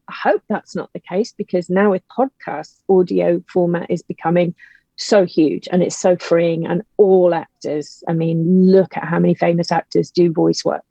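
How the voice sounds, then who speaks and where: Dull, lo-fi, roomy call audio captures a woman with a fairly low, dark-toned voice and vocal fry. She is an audio drama writer and actor appearing as a podcast guest, pressing her opinions firmly yet conversationally.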